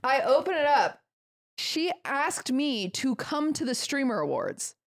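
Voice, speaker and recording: A woman's voice: high-pitched, big pitch swings, measured pace. A young adult woman chatting casually and telling stories in a gossipy way, acting out the dialogue as she goes. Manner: gossipy, acts out quoted dialogue. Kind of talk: casual chat, animated storytelling.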